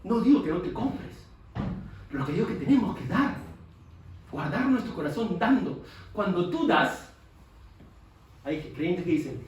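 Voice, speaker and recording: A man's voice: sits high, sing-song, unhurried, pauses often. Emphatic male pastor, echoey church. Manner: emphatic, repetitive preaching. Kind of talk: sermon. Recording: echoey church hall from a distance, faint noise.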